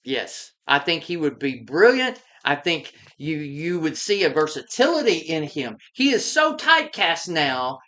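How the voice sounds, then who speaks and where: A woman with a low-pitched voice co-hosting a casual movie chat. She speaks in a measured way and often restarts her sentences. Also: big pitch swings, pushed and bright. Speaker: podcast co-host.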